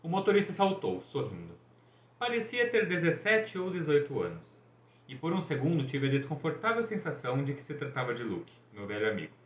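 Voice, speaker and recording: A man reading a novel aloud in an expressive storytelling manner. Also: fairly high pitch, a little fast. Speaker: reader. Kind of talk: audiobook reading. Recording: echoey, dull room recording.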